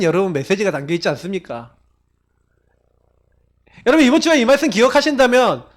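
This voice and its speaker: Man, pastor, sermon, very high voice, swooping lively pitch, storytelling, rhetorical questions. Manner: animated storytelling, acted quotes and rhetorical questions.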